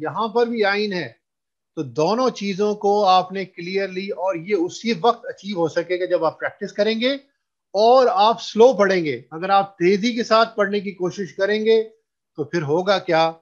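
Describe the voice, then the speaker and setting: A man with a fairly high voice teaches recitation at an unhurried pace. He mixes Hindustani and English, then draws out long chanted verses for his students to repeat. The sound is dull and lo-fi, like an online class.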